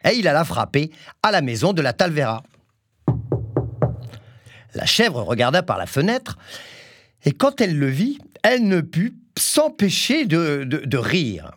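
A storyteller reading a children's tale aloud in an animated, expressive way. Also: medium pitch, measured pace, long pauses, slightly rough, no echo. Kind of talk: storybook narration.

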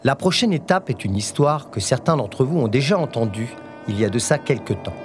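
A storyteller reading a children's tale aloud in an animated, expressive way. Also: medium pitch, fairly quick, over music. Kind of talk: storybook narration.

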